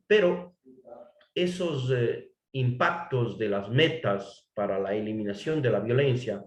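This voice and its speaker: A man from Ecuador, giving a formal legal lecture in a measured way, restating phrases and asking rhetorical questions. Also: fairly low pitch, echoey room. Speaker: course lecturer.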